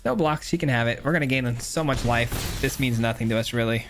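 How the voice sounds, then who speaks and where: Man, casual gameplay commentary, self-critical, thinking aloud, mid-pitched voice. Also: fairly quick, faint music behind. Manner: chatty, self-critical play-by-play with frequent fillers. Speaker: gameplay streamer.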